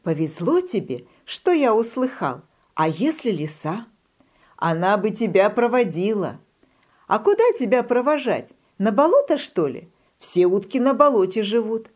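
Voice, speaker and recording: A woman voicing a fussy, sensible grown forest hare who talks briskly and scolds, in a children's storybook reading. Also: mid-range voice, animated, darkish tone.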